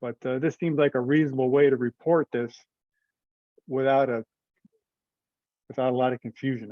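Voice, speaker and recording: On a muffled remote conference call, a man of medium pitch informally explains a proposal to a committee, with no echo on his voice. He thinks aloud tentatively and keeps seeking agreement.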